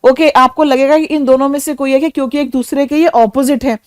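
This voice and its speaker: A woman with an Indian accent speaks a little fast in a steady, high voice, teaching English vocabulary for an exam by explaining words and spelling them out letter by letter. Dry recording, clean studio sound.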